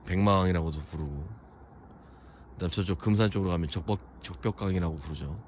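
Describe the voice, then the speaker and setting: A man's voice: low-pitched, fast, slight background noise. A young man from Chungcheong, South Korea, giving rambling, opinionated walking commentary at a hilltop fortress. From Chungcheong region, South Korea. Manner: rambling, opinionated, many fillers. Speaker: vlogger touring a historic fortress.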